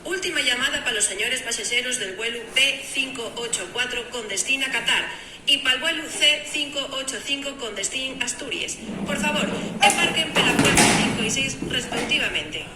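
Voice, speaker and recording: A woman's voice: high voice, fast talker, close to an everyday voice. A woman playing an impatient airport announcer, making a boarding announcement in a stage comedy. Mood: formal. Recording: echoey stage PA, loud music.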